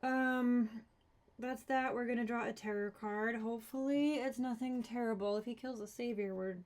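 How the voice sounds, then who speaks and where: Slightly high woman thinking aloud while gaming. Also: fairly even intonation, normal speed, darkish tone. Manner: thinks aloud, counts cards, talks to herself; casual, mildly exasperated asides. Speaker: board game streamer. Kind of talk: live-streamed solo board game playthrough.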